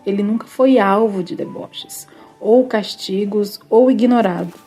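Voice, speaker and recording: A woman reading a quotation in an earnest, insistent way, with a gravelly voice. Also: mid-range voice, a little slow, warm tone, soft background music, pitched above the performer's own voice, natural voice. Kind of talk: read quotation.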